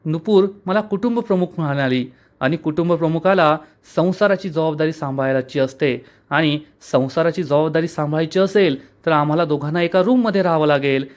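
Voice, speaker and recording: A man's voice: on the high side, fairly quick, close to an everyday voice. Figure: a man doing a teasing, lovestruck young husband. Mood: scheming. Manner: teasing, cajoling. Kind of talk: serial episode recap.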